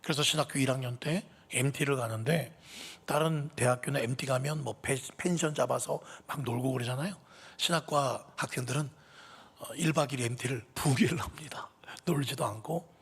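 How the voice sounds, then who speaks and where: A pastor in his fifties delivers a sermon built around a personal testimony, his gravelly, husky voice at medium pitch and normal speed. He tells it with emotion that swells into impassioned peaks. The recording comes from a reverberant church sanctuary.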